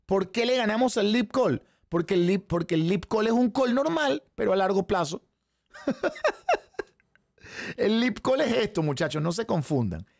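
A Venezuelan man, hoarse, runs a live trading class. His voice sits a little high but carries a gravelly fry, with a dry, close sound. He keeps checking in with his audience through quick rhetorical questions. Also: no room sound. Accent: Venezuelan Spanish. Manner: animated, talks straight to the chat audience with frequent rhetorical questions. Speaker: trading instructor. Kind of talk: live-stream trading lesson.

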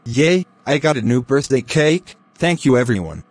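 A man's voice: medium pitch, lively intonation, normal speed, slightly rough, no echo. A synthetic man's voice playing an emotional birthday celebrant in an amateur cartoon, with stilted text-to-speech delivery. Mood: delighted. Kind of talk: text-to-speech animated dialogue.

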